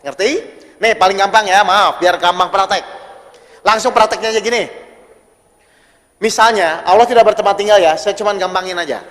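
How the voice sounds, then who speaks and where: A man's voice: high-pitched, moderate pace, pauses often, a bit bright. A man preaching an interactive sermon, questioning the audience and repeating his points. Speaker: Islamic preacher. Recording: long hall reverb.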